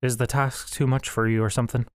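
A man's voice: mid-range voice, little pitch movement, fast, dry recording, lightly acted. A man voicing a tired male starship captain who scoffs with dry humor. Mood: weary. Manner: weary, scoffing.

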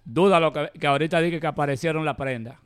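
A man co-hosting a casual podcast chat, animated and repeating himself as he cuts in. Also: on the high side, fast, smooth.

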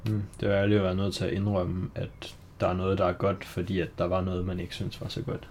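A man calmly discussing a film in casual conversation, measured and low-key. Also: a little hiss or hum. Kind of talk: casual podcast chat about a film.

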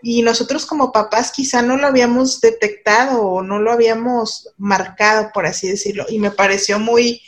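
A woman's voice: on the high side, fairly even intonation, normal speed, few pauses. A woman, hosting an interview, asking questions and sharing her own parenting experience in a friendly way. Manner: friendly, asks questions, shares a parenting story. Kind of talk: conversational interview.

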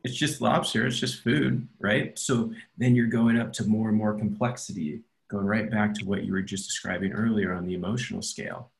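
A man's voice: fairly low pitch, fairly even intonation, moderate pace, creaky, hardly any pauses, low-quality recording. A man hosting a casual podcast chat, explaining ideas at length and often checking in with tag questions. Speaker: podcast host.

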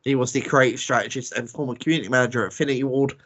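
A man's voice: mid-range voice, steady tone, rapid-fire, fairly bright tone, no echo. A man chats on a gaming podcast in a blunt, dismissive way and laughs easily. His voice sounds dry and a little dull, as on a lo-fi recording. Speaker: podcast host. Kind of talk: casual gaming podcast chat.

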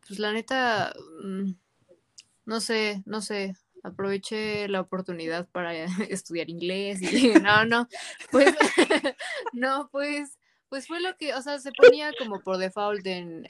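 A woman's voice: mid-range voice, dry recording. Woman podcast co-host, easygoing, dry sound. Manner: relaxed, laughs easily. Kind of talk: casual chat.

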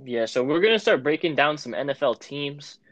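A man's voice: a little high, normal speed, no echo, muffled recording. A man co-hosting a casual sports podcast, easily steering the talk to the next team. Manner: relaxed, steering the segments. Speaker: podcast co-host.

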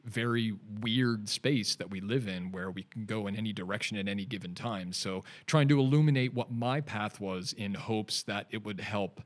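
With a fairly low voice at normal speed and hardly any pauses, a Canadian man in his forties talks loosely as a podcast guest in the studio. He's a digital artist, and his casual, laid-back chat rambles with many fillers and restarts.

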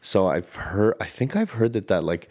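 A man with a very low voice hosts a solo podcast. He rambles in a loose, candid way and swears freely. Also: sing-song, normal speed, a little mellow. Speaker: podcast host. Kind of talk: casual solo podcast monologue.

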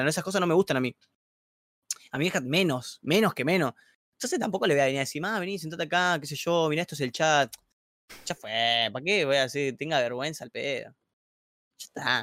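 A young man with a Rioplatense Argentine accent, talking in slangy, animated bursts on a livestream chat. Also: a little high, dry recording. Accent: Rioplatense Spanish. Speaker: streamer guest. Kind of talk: casual chat on a stream.

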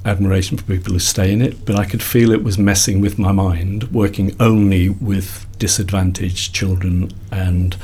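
Speaking low and steady at a moderate pace with few pauses, this sixty-something guest from Liverpool sounds mellow and slightly rough. He's a psychologist who founded a company, and in this casual interview he reflects on his career in a rambling way, correcting himself frequently.

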